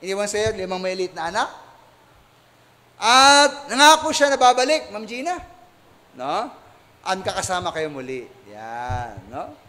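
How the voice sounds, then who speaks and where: A man's voice: sits high, sing-song, measured pace, long pauses, bright, forceful tone. A male pastor giving a conversational sermon, playful and teasing, often speaking straight to his listeners. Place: church sanctuary. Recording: church hall reverb.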